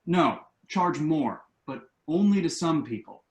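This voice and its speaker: Slightly high and expressive, this man's voice moves a little slowly. He's reading the part of a self-assured, smooth-talking adult son who earnestly lays out dodgy money-making plans, sounding smug and persuasive, with the roomy echo of a home recording around him.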